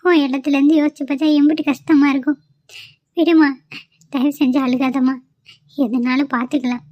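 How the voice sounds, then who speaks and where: A woman's voice: high voice, fairly even intonation, fairly quick, darkish tone, no echo, natural voice. A woman voicing a soothing mother-in-law. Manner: soothing, consoling. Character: caring middle-aged mother-in-law.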